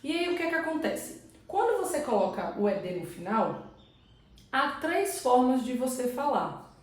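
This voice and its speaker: A woman's voice: high-pitched, darkish tone, recorded from a distance. A woman with a Brazilian Portuguese accent, an English teacher explaining pronunciation and asking rhetorical questions. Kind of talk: pronunciation lesson. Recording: very echoey room, voice away from the mic.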